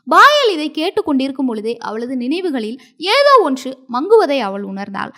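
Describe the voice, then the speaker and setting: Animated high-voiced woman storyteller. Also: moderate pace. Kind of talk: storybook narration.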